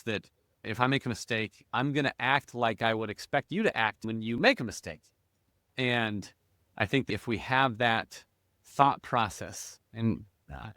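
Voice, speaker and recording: A man's voice: medium pitch, fairly bright tone, no room sound, studio quality. A man hosting a podcast interview, asking thoughtful open questions and affirming his guest's points. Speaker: podcast host.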